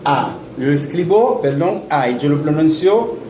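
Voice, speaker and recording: A man teaching in a classroom, slowly repeating words for students to echo. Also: fairly high pitch, expressive, dark tone. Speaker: Haitian Creole teacher. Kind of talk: classroom lesson. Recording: echoey classroom with faint noise.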